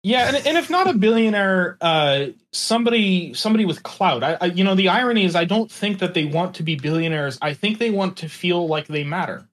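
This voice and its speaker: A man's voice: high voice, expressive, a little fast, hardly any pauses, fairly bright tone. A man in an interview explaining his views conversationally, in an earnest, qualifying way, often checking in with a tag question. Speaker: interview participant.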